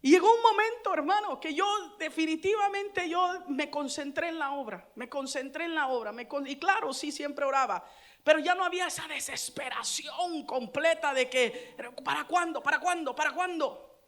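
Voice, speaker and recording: A woman pastor from El Salvador preaching a sermon with fervor, repeating phrases and building to loud exclamations. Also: high voice, normal speed.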